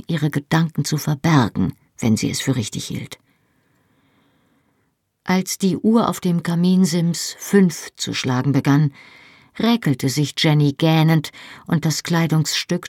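A calm, even storyteller's voice with a gravelly texture. It reads first-person narration at a measured pace, close-miked in a dry, dead room. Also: medium pitch, dry recording. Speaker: audiobook narrator.

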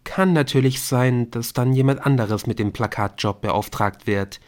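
A man's voice: medium pitch, moderate pace, natural voice. A man reading an audiobook, voicing a thoughtful teenage girl who talks in a level, matter-of-fact way. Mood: calm.

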